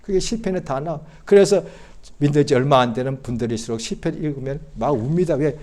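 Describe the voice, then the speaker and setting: A man preaching to his church in a slightly high voice. He drops to near-whispers, then rises into loud, emotional cries. He acts out the voices of doubters as he goes. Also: brisk. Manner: swings from quiet asides to loud impassioned cries. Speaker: pastor. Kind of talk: sermon. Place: church sanctuary.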